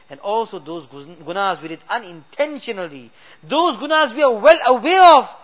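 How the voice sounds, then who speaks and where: Pitched high with a fairly bright tone, a man serves as imam for a fervent prayer late at night, his pleas built on constant refrains. The audio is dull and lo-fi.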